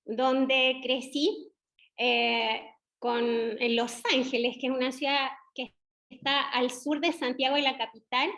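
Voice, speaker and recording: A middle-aged woman with a Chilean accent, a doctor speaking as guest in an interview, measured and reflective with pauses. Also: high voice, level tone, fairly bright tone. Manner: measured, reflective, frequent hesitations. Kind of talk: conversational interview.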